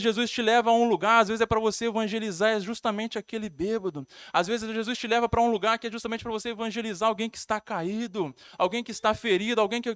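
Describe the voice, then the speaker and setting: A man's voice: sits high, no room sound, studio quality. A male pastor with a Brazilian Portuguese accent, preaching a sermon in a storytelling way, repeating phrases and adding tag questions.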